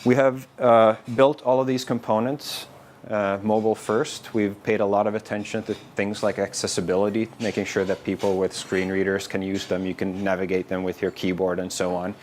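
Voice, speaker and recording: With a faint hum in the room, a lower-pitched developer advocate from Finland walks a meetup crowd through a tech presentation at a moderate pace. His relaxed, informal style comes with frequent "uh"s and restarts.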